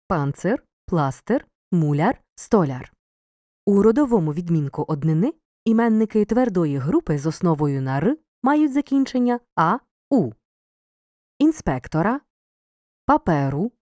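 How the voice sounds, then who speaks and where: A woman teacher narrates a scripted lesson in a lively, rising and falling voice that stays mellow and soft-edged. She lays out word forms slowly and distinctly, as if for dictation, and the recording is close and dry, with no room around it. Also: lowish voice, no room sound.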